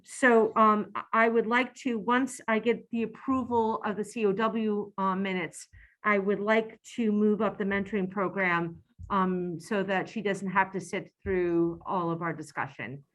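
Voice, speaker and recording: Halting woman chairing a board meeting. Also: mid-range voice, steady tone, a bit bright, poor audio. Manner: halting, with many ums and self-corrections. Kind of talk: hybrid video-call board meeting. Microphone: computer mic on a video call.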